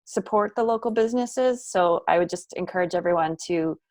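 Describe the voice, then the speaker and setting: A woman's voice: lowish voice, brisk, a little mellow, no echo. A woman council member giving a friendly, chatty report over a video call. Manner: friendly, light laughs between remarks.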